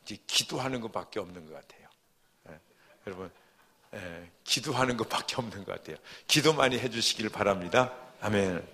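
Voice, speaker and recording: A male pastor preaching a sermon in a church, his voice slightly hoarse, moving from quiet asides to loud, heartfelt pleading. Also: lowish voice, animated, a little fast. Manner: emotional, swings from soft asides to loud fervent preaching. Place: church sanctuary. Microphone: handheld or stand mic.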